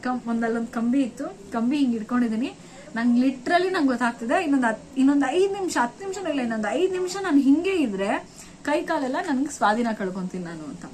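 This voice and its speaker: A young woman vlogger recounting a frightening trip in an excited, emotional way, repeating words and restarting sentences. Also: high-pitched, fast, a little hiss or hum, rough recording. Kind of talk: emotional first-person storytelling.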